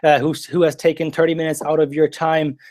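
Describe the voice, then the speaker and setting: Casting: young male pitchman, west of Ireland accent, rapid emphatic delivery, mellow tone, motivational call host. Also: flat delivery. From Galway, Ireland. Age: 20s. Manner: emphatic, repetitive, peppered with "you know" and "okay". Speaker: host of a network marketing launch call.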